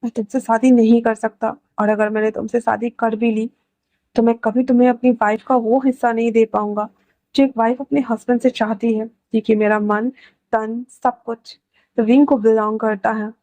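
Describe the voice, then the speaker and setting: A woman's voice: fairly high pitch, little pitch movement, normal speed, mellow, no room sound, voice pushed down, close to an everyday voice. A woman voicing a devoted, remorseful young man who speaks earnestly in an emotional storybook reading. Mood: firm. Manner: earnest, heartfelt.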